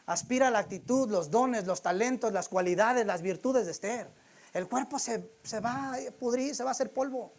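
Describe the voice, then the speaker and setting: A man's voice: very high-pitched, normal speed, slight background noise. A man preaching a sermon in a church, telling the story in a colloquial, humorous way.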